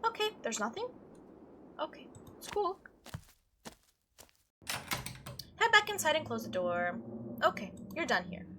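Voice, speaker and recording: Hosting a gaming playthrough, this woman mixes commentary with reading the visual novel's text aloud. She speaks slowly in a high voice whose pitch swoops wildly, with long pauses and background noise behind her.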